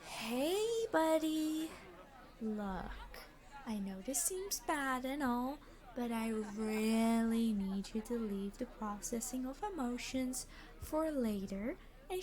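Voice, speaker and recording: In a scripted ASMR roleplay, a woman with a voice on the high side plays a weary immortal supervillain, an exasperated boss who is gentle with hostages. She speaks formally, laced with dry sarcasm.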